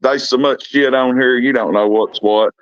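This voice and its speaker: A man's voice: medium pitch, steady tone, moderate pace, smooth, no echo. Slangy man on a muffled call. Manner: slangy, blunt. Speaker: caller. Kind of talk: casual chat. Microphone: video call.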